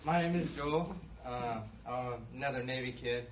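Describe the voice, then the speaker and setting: A man from Florida quietly introducing himself to a group. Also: medium pitch, normal speed, background noise. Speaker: church group member. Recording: echoey and distant.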